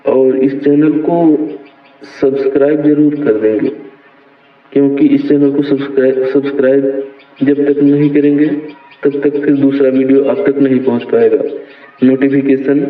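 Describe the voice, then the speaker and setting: A man teaching a Hindi lesson slowly, repeating his points and checking in often. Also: medium pitch. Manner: slow, repeats points, says "theek hai" often. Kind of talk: slow explanatory lesson. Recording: phone-like, echoey, distant.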